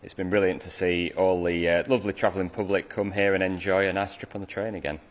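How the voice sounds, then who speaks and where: A man in his thirties with a low voice answers live interview questions. He feels his way through sentences with plenty of ums and you-knows. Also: little pitch movement, fast. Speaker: railway operations manager, interviewee. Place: large railway engine shed, indoors.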